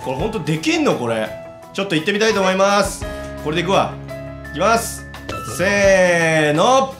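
A man giving casual let's-play commentary, chatty and excitable, talking to himself as he plays. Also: high voice. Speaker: game commentator. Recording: roomy echo with background music.

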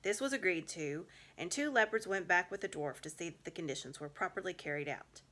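Bright-voiced woman reading a story aloud. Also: fairly low pitch, brisk. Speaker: storybook reader. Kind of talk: expressive read-aloud narration. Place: small room at home.

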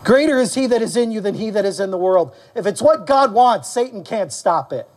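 A male pastor preaching a sermon to his church, animated, questioning the congregation and calling for amens. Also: brisk. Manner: animated preaching, acting out quoted voices with rising pitch. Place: church service.

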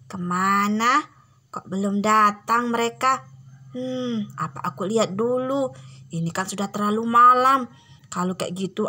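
A woman doing a slow gloating giant. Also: pushed and bright. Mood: searching. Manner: slow, gloating, booming laughs. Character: huge menacing yellow giant, hunting children.

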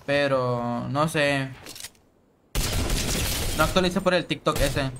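Young Mexican male streamer, high-pitched, slangy and chatty, faint hiss behind. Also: slow pace. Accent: Mexican Spanish. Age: 20s. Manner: slangy, chatty, hums and bursts into shouts. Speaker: game streamer. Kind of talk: casual live-stream chat.

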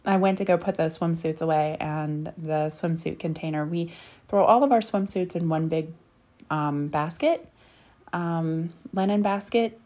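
A woman in her thirties, a cleaning vlogger, talks casually over her home cleaning video in a bedroom. Her voice is fairly low and warm, and she rambles with lots of ums.

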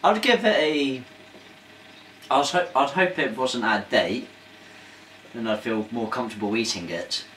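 A man's voice: medium pitch, normal speed, long pauses, fairly bright tone. A man co-hosting a casual food taste-test, laid-back with dry jokes. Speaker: food review co-host. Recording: echoey room, faint noise.

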